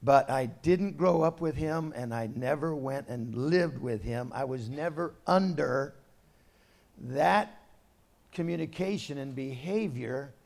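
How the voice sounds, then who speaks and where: Here the pastor, a middle-aged man, preaches slowly in a mid-range voice touched with vocal fry. His sermon feels conversational, moving between hushed asides and loud, emphatic moments.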